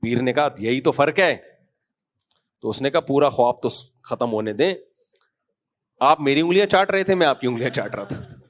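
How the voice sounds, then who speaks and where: An Islamic scholar gives a conversational religious talk at a moderate pace, his medium-pitched voice full of lively intonation and long pauses. He tells anecdotes and jokes, chuckles, and acts out dialogue in different voices.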